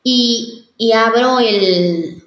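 A woman's voice: on the high side, extremely slow, a bit bright. A woman in her thirties, a wedding planner, candidly telling a personal story as an interview guest, earnest and confiding, often restarting her sentences. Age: 30s. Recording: roomy echo.

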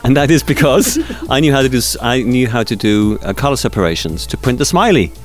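This interview features a Swiss man who runs a radio festival, spinning stories with plenty of asides, fillers, and restarts. His medium-pitched delivery is very animated and fairly quick over faint background music.

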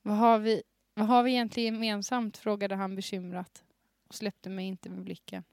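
Here a young woman hosting her podcast reads aloud something she penned as a teen, fighting back giggles throughout. The delivery is flat and a little mellow at mid-range pitch. Sound is echo-free and studio quality, using a studio mic and headphones.

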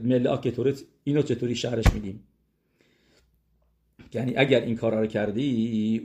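Mellow-voiced man teaching a religious lesson. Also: mid-range voice. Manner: asks the listeners rhetorical questions and answers them; thinks aloud with hesitations and restarts. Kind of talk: religious lesson on scripture and numerology.

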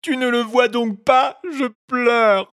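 A woman voicing Pinocchio, an emotional, impulsive young wooden puppet boy, with high, pleading cries in a storybook reading. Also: takes it slowly, dry recording, clean studio sound. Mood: tearful.

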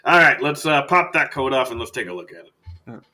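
A loud, crude back-alley doctor with a bright, ringing voice, joking as he pitches his wares, voiced by a man. He talks like a pushy salesman, cheerful and coarse. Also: sing-song, moderate pace. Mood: jovial.

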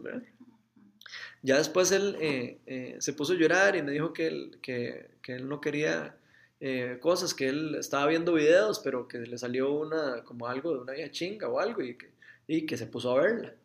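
Gravelly-voiced Costa Rican father. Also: fairly high pitch. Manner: rambling storytelling with many restarts. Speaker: father sharing a testimony. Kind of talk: casual faith chat.

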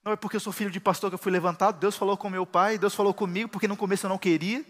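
High-voiced preaching pastor. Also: male voice, steady tone, very fast, big-room sound. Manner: preaching with rising shouts of praise. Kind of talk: sermon.

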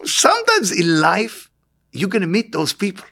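A spiritual teacher with an Israeli accent gives an inspirational talk full of anecdotes to a live audience, emphatic and repeating short phrases. His high, gravelly, sharp voice swoops wildly in pitch at a moderate pace.

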